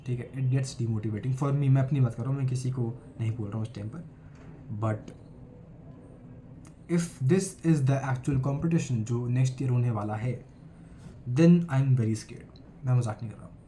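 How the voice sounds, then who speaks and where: Still recovering from a cold, a student vlogger of 18 with an Indian accent speaks earnestly into the camera, switching between Hindi and English in a relaxed vlog. He has a mellow, mid-range voice at a moderate pace, with slight background noise.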